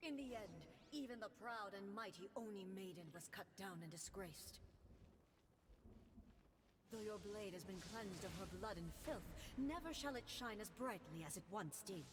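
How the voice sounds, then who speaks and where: A woman's voice: medium pitch, moderate pace, noisy background, lightly acted. A woman playing a proud, solemn divine shogun in a video game, with formal, grandiose and declamatory delivery. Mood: proud, menacing. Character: proud, solemn female divine puppet shogun, imperious and unyielding. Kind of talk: dramatic video game voice acting.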